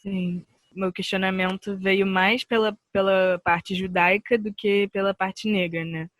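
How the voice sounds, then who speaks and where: A young woman, a podcast guest, telling her story in a calm, matter-of-fact way. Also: medium pitch, a little slow, dry recording. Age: young adult.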